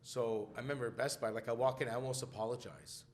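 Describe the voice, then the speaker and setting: Talkative guy cohosting a podcast, animated, laughs a lot, medium pitch. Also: fast. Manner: chatty, animated storyteller who laughs often. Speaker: podcast co-host. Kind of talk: casual chat.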